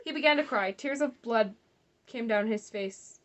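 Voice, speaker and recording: Young female host, casual comedic read-along, sarcastic asides, voice a bit high. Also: normal speed. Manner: sarcastic, laughing, swearing asides. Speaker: host reading fan fiction aloud.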